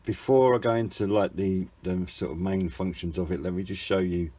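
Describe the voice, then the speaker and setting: With a deep, dark voice and a steady tone, a British man narrates an unboxing at normal speed. He reviews the hobby product informally, understated and a little hesitant, wandering off now and then as he explains.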